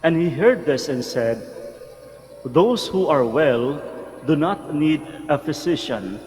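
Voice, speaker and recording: A man with a Filipino accent, a priest reading the gospel and preaching a slow, earnest homily at Mass in a large church with a church hall echo. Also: fairly high pitch, expressive, darkish tone. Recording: long reverb of a large church.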